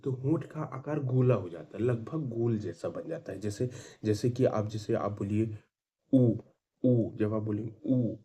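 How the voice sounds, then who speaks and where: A man's voice: fairly low pitch, moderate pace, few pauses, mellow, a little hiss or hum. A man teaching a grammar lesson, who sounds out vowels aloud and asks and answers his own questions.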